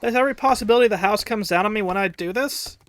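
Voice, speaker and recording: A man's voice: sits high, fast, a bit bright. A man casually commenting on his own gameplay during a live stream, chatty and wry, taunting enemies as he plays. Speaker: game streamer.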